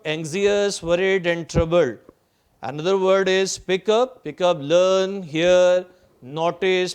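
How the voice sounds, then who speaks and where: Man teaching, steady synonym lists. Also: sits high, clear, resonant tone. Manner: reads English lines slowly, then paraphrases them quickly in Urdu. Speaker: English teacher. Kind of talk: recorded lecture explaining a play line by line.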